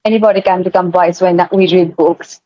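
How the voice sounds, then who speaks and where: A woman's voice: lowish voice, fairly even intonation, dry recording. Polite young woman from West Bengal. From West Bengal, India. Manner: polite and earnest, with filler pauses. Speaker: guest, English learner. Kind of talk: casual conversation practice. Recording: dry lo-fi call audio.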